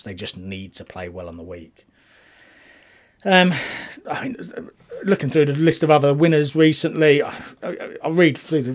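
A golf commentator with a medium-pitched, slightly husky voice covers form, statistics and betting picks. His style is conversational and analytical.

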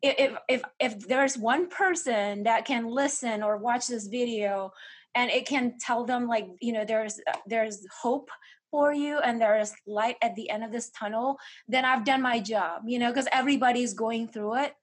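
A woman's voice: on the high side, moderate pace, breathy edge. A woman from Indonesia speaking earnestly as a guest in an interview, restarting often and leaning on fillers. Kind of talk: candid interview conversation.

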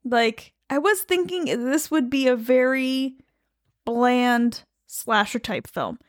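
A high, lively woman with a faint upstate New York accent, co-hosting a podcast. She teases and jokes in an animated way, and the sound is close and dry. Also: takes it slowly, no echo. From New York capital region. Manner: animated, playful, teasing. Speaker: podcast co-host. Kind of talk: casual chat.

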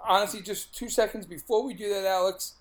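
A man's voice: high-pitched, steady tone, brisk. A middle-aged man with a Brooklyn accent, co-hosting a podcast in casual, blunt, jokey chat. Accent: Brooklyn, New York. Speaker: podcast co-host.

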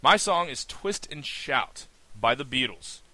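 A man's voice: medium pitch, very animated, unhurried, sharp tone, no echo. A man co-hosting a podcast in casual chat, easygoing and chatty, laughing often. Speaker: podcast co-host.

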